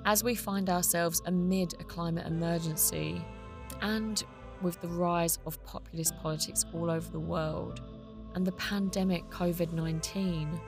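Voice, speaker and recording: A woman's voice: on the low side, creaky. A woman podcast host delivering scripted narration. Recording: spoken over music.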